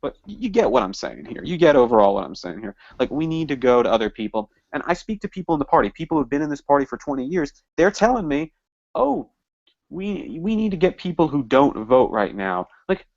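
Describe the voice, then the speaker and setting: A man being interviewed on a podcast, talking in emphatic, animated bursts. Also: fairly high pitch, quick pace, hardly any pauses, no room sound. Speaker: guest, party office candidate. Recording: dull lo-fi dry sound.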